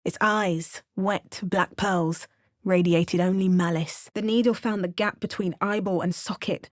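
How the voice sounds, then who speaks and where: A woman plays a wry female game adventurer at a mid-range pitch. She gives understated remarks and calm storybook narration. It is recorded close and dry in a studio. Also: dry recording, lightly acted. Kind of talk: video game voice acting. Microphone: close studio mic.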